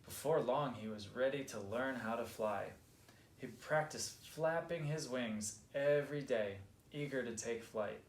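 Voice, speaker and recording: A man reading a picture book aloud for children in an expressive, lively way. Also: medium pitch, measured pace. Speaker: storybook reader. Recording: roomy echo.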